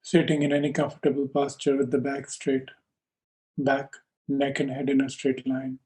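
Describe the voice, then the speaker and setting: A man who teaches yoga speaks calmly through a guided meditation, his medium-pitched voice even and level with little melodic movement. He keeps his phrases short and measured and lets space fall between instructions.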